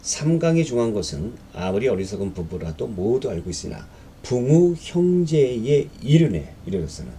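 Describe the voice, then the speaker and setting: A man's voice: medium pitch, sing-song, normal speed, hardly any pauses, mellow, a little hiss or hum. A man teaching a history exam-prep lecture in a conversational way, reading questions aloud and explaining them with fillers and rhetorical questions.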